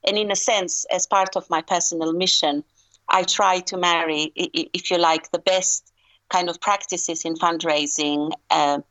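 A low-voiced woman from Albania speaks in an earnest, measured way, often restarting her phrases. She is a guest in a radio interview. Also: fairly even intonation, fairly bright tone, poor audio. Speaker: fundraising consultant, guest.

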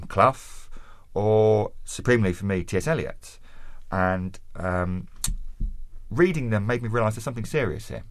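Low-voiced, articulate southern English man. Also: dry recording. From Essex, England. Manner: articulate, considered, erudite phrasing. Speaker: interview guest, author. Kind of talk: conversational interview answers.

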